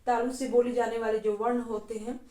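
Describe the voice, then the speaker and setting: A woman's voice: a little high, little pitch movement, a little fast, darkish tone, echoey room. A woman from Bihar, India, teaching an exam-prep lesson patiently and step by step, often checking in with the class. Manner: patient, step by step, often says "theek hai".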